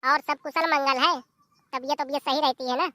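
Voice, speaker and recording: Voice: sits high, steady tone, moderate pace, pushed and bright, no echo. A performer voicing a tart, sarcastic young daughter-in-law.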